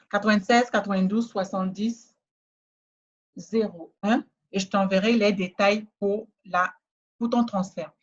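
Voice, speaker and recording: A female trainer pitches a course in a webinar, addressing the listener directly with a persuasive, repetitive sales style. She has a West African French accent, and the high frequencies are cut off.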